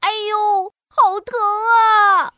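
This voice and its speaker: Storybook piglet boy, sulky and whiny, high and jumpy as a woman puts him on. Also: lively intonation, normal speed, a bit bright, no echo, studio quality. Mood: crying out. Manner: whiny, huffy, pouting. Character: grumpy little boy piglet, sulky and pouting.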